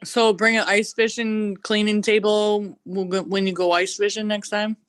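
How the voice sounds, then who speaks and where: A woman's voice: mid-range voice, flat delivery, moderate pace, dry recording. A woman co-hosting a casual live show over a video call, laughing easily between short remarks. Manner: laughs easily, light reactions. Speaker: co-host of a live online talk show. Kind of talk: casual chat.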